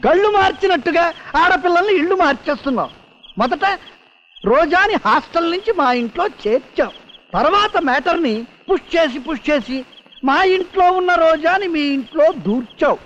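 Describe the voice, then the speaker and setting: A man's voice: very high-pitched, expressive, brisk, a bit bright, slight background noise. An actor playing a mocking neighbour man who teases in a sing-song way, on dull old film audio. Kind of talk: 1990s film comedy acting.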